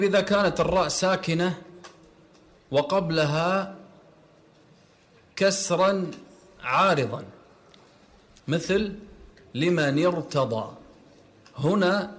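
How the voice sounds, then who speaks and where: Guy teaching recitation, says each word over and over till it's right, bit higher voice. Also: a bit bright. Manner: patient, repeats words to correct pronunciation. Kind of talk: recitation rules lesson.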